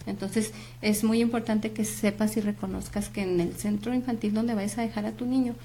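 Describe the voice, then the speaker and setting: A woman's voice: mid-range voice, fairly even intonation, moderate pace, warm tone, a little hiss or hum. A woman psychologist with a Mexican Spanish accent, explaining earnestly as an interview guest with many fillers. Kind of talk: explanatory talk show interview.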